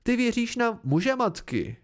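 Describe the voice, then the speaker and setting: A man voicing a playful, teasing young warrior woman in an audiobook, raising his voice for her. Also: sing-song. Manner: amused and teasing, raised pitch.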